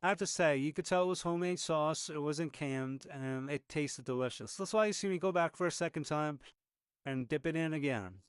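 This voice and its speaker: A man's voice: fairly high pitch, brisk, clear, resonant tone, dry recording, studio quality. A man telling how a meal went in casual, conversational voice-over, chatting with plenty of fillers. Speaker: food reviewer. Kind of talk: casual voice-over narration over footage.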